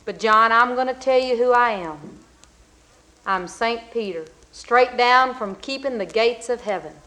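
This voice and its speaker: Saint Peter, voiced by a woman, slow and solemn. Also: fairly high pitch, bright, forceful tone, rough recording.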